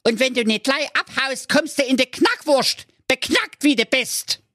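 A man's voice: very high voice, expressive, unhurried, sharp tone, no room sound, studio quality, voice pushed up, heavily acted. A man voicing a furious, crude old witch in a comic storybook tale, screeching and scolding. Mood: furious taunting. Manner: screeching, wildly angry.

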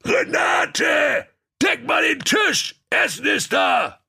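A man voicing a greedy, blustering male ogre who shouts his lines slowly, in a high strained voice. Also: sing-song, creaky, dry recording, studio quality, exaggerated voice. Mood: bellowing. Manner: shouting, slow and booming.

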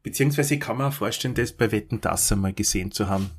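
A man's voice: on the low side, racing, husky. A man with an Austrian German accent, co-hosting a podcast over a remote call, chatting casually and joking around with mock announcer calls. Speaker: podcast co-host. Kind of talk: casual chat. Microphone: remote call, Skype.

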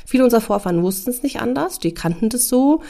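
A woman's voice: fairly high pitch, expressive, fast talker, creaky, warm tone. A woman hosting a parenting podcast in a conversational monologue, often checking in with the listener.

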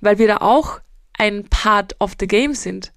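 A woman's voice: mid-range voice, measured pace, a bit bright, no room sound, studio quality. A woman hosts a solo podcast, answering listener questions in a direct, emphatic, motivational way. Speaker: podcast host and mental coach.

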